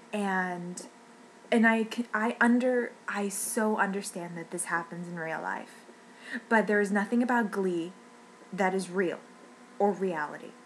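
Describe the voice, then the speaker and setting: Tearful woman ranting, halting and upset. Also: medium pitch, a little hiss or hum, poor audio. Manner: upset and rambling, halting restarts. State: near tears. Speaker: fan vlogger. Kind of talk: emotional rant.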